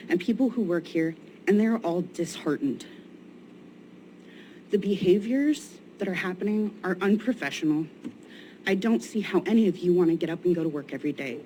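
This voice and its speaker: A woman's voice: lowish voice, mellow. A woman giving public comment at a meeting, earnest and plain-spoken, with a tired, shaky voice. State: weary, shaky voice. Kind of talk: prepared public statement. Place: indoor public meeting room. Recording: noisy meeting room ambience.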